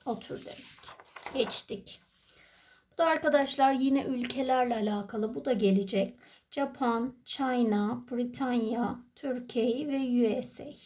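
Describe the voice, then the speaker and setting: A woman teacher with a fairly high voice and a Turkish accent. She walks through an exam item by item. She asks her own questions and then answers them. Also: measured pace, darkish tone. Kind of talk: exam walkthrough lesson.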